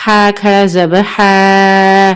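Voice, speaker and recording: A woman teaching Quran reading, spelling out each syllable slowly and adding quick spoken explanations. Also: medium pitch, level tone, clean tone. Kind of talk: slow spelled-out recitation lesson.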